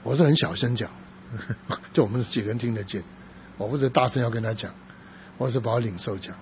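Male pastor, sermon storytelling, halting delivery with restarts, mid pitch, dull lo-fi recording with faint hiss. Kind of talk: sermon testimony.

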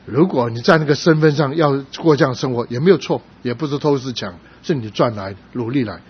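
A middle-aged male pastor preaching a sermon, telling stories with sudden loud emphatic rises. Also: mid-range voice, fast, husky. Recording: slightly dull sound with faint noise.

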